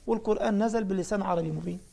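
A man's voice: high voice, very fast, gravelly, mellow, a little hiss or hum. A man with an Egyptian accent preaching a colloquial religious lesson, telling anecdotes and firing off mocking rhetorical questions. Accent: Egyptian Arabic.

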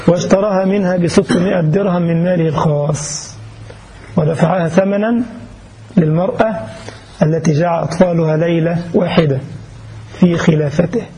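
High-voiced preacher telling a story. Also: male voice, steady tone, fairly quick, mellow, poor audio. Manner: dramatic, emphatic retelling with exclamations. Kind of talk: sermon storytelling.

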